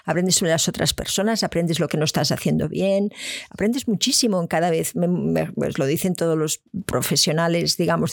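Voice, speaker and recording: Mid-pitched co-host with hesitant talk, dry sound. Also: vocal fry, no room sound. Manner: rambling, many hesitations and restarts. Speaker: co-host of an acting career stream. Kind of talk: live-stream chat reading viewer comments.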